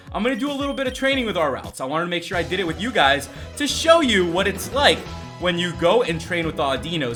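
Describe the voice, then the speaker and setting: Young guy from el salvador doing lets play commentary, super lively voice, music going behind. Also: high-pitched. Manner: upbeat, chatty, addresses viewers directly. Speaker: let's play host. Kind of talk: casual gameplay commentary.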